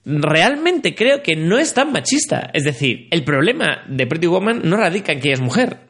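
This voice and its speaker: A man, co-hosting a podcast in casual chat, playful and expressive. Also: a little high, normal speed. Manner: expressive, playful, wry remarks. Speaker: podcast co-host.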